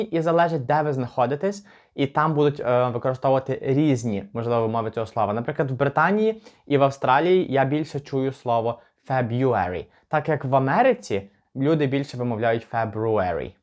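A man's voice: medium pitch, animated, darkish tone, dull audio. Chatty man teaching English pronunciation. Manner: chatty, slows down to spell out words. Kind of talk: casual pronunciation lesson.

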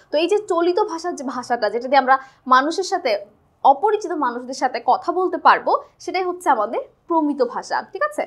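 A woman from Bangladesh teaching a school textbook chapter in a chatty way, often checking with "right?". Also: sits high.

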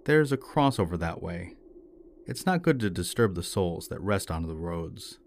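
A sly devil in disguise, voiced by a male storyteller, low and smooth, coaxing his victim in a calm and overly familiar tone. The voice sits deep, close to the narrator's own, with a faint hiss in the background of this storybook reading. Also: moderate pace.

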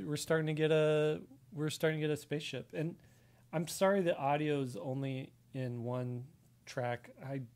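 A man's voice: medium pitch, a little mellow. An American man giving a casual live drawing tutorial step by step, his voice heard in one ear only. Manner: explains step by step while sketching. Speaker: drawing instructor, artist. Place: indoor room, live stream at desk. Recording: sound in left ear only.

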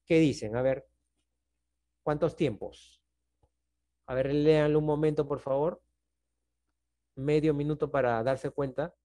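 A man's voice: fairly high pitch, fairly even intonation, measured pace, pauses often, warm tone. Patient man teaching math on a call. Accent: Peruvian Spanish. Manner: patient, checks in often with "¿no?" and "¿está bien?". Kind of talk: online class explanation.

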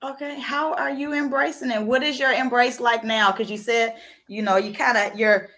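A woman hosting an interview show, bubbly and animated, laughing often and repeating herself as she hypes her guest. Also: a little high, moderate pace. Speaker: host. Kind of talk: upbeat podcast interview.

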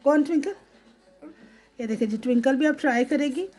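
A Pakistani woman in her thirties hosts a home cooking video, giving a tutorial voice-over from her home kitchen. She chats casually in Urdu mixed with English words and keeps checking in with viewers using "theek hai ji." Her voice is high and darkish at a moderate pace, with soft background music.

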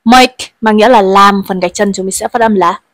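A woman's voice: mid-range voice, moderate pace, fairly bright tone, dry recording. A woman teaching an English lesson to pupils, patiently explaining each word and leading them to repeat after her.

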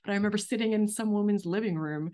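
A woman hosting a casual interview over a video call, expressive and quick to act out her own past thoughts. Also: mid-range voice. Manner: expressive, laughs, acts out quoted thoughts. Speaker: interviewer host.

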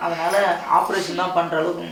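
A man plays a distressed husband in an amateur family drama, faltering and reassuring his wife again and again in a Ramnad accent from southern Tamil Nadu. His voice is a little high, creaky and fairly bright, delivered flat at normal speed. It is recorded in an echoey room with a distant mic and slight background noise.

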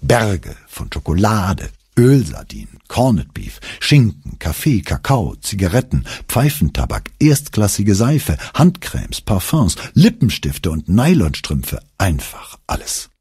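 Deep, husky male audiobook narrator. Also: huge pitch swings, slow pace, hardly any pauses, a little mellow, no room sound, clean studio sound. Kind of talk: scripted memoir narration.

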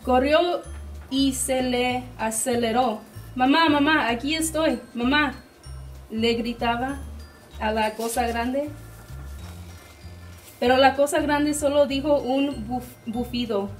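A woman reading a children's picture book aloud to preschoolers, slow and deliberate. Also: high voice, steady tone, far from the mic, faint music behind. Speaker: guest reader for preschoolers.

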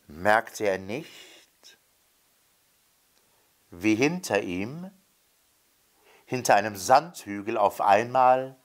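A man, a puppeteer and educator, telling a story to young children and speaking to them directly. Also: lowish voice. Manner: slow, lively, addresses the children directly.

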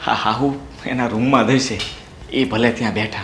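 A man's voice: mid-range voice, fairly even intonation, normal speed, fairly bright tone, a little hiss or hum, close to an everyday voice. A man playing a flustered, stammering son-in-law. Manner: stammering, defensive. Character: flustered young son-in-law, nervous and evasive. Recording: echoey room.

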